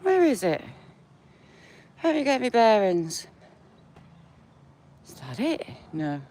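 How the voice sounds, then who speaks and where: A woman's voice: on the high side, sing-song, slow pace, mellow. A woman with a northern English accent, chatting to her viewers by name while walking outdoors in the countryside. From England. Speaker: vlogger. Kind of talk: casual live-chat walk vlog.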